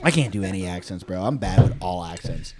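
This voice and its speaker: A man's voice: low-pitched, lively intonation, a little fast, background noise. A man, co-hosting a podcast in casual, crude, laughing banter. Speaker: podcast co-host. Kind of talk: casual chat.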